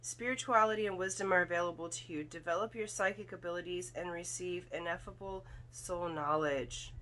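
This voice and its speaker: A woman giving a spiritual card reading in casual, halting talk, her throat slightly foggy and congested from irritation. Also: fairly low pitch, fairly bright tone, slight background noise. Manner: halting, thoughtful, often checks with "okay?". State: throat irritated by volcanic fog, occasional coughing and throat clearing. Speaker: tarot and oracle card reader.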